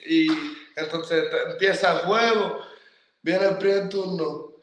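A man's voice: sits high, steady tone, takes it slowly, a bit bright, slight background noise. A man, a young baseball player, telling a story in casual chat with some hesitation. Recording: roomy room echo.

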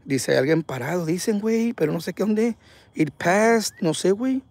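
A man hosting a live ghost-hunting stream outdoors at night, talking excitably in slang and reading viewer comments aloud. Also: sits high, normal speed, creaky, no echo. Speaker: paranormal livestream host.

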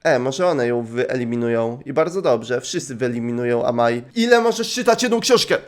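A man's voice: mid-range voice, lively intonation, moderate pace. A man giving joking gameplay commentary and making playful asides as he dubs game characters. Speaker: gaming YouTuber.

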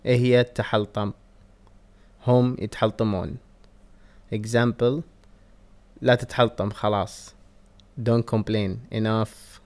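Slow, deliberate Kuwaiti man teaching verbs. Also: fairly low pitch, fairly even intonation, darkish tone. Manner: slow, deliberate word-by-word reading. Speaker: Arabic teacher. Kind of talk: reading vocabulary drills.

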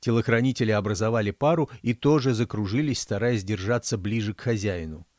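A man, the author, reading his fairy-tale audiobook in a measured, storytelling manner. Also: fairly low pitch, darkish tone, no echo, studio quality. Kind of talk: audiobook narration.

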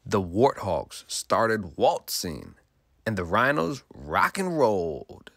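A man's voice: lowish voice, very animated, takes it slowly, gravelly, a bit bright, dry recording, studio quality. A male teacher reading a rhyming picture book aloud to children in a sing-song way, stopping to ask them questions.

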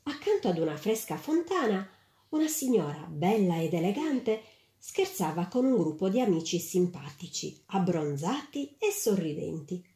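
A woman reading a storybook aloud in an expressive, lively way, in a roomy space. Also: fairly low pitch, moderate pace. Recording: roomy echo.

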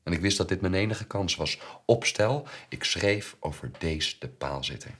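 An actor with a Flemish accent playing a troubled man who quietly relives his painful childhood in a stage monologue. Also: animated, normal speed. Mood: haunted. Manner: subdued, low, haunted storytelling. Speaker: actor playing the narrator Bernard.

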